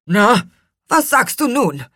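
A woman's voice: fairly high pitch, big pitch swings, slow pace, sharp tone, no echo, studio quality, voice pushed up, exaggerated voice. A woman voicing a grumpy little male apple-man who growls his words grimly in a storybook. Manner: grim growling.

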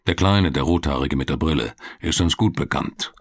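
A man's voice: a bass voice, normal speed, breathy edge, no room sound, studio quality, exaggerated voice. A man reading the part of a serious, authoritative male police official who speaks in a stern, commanding way.

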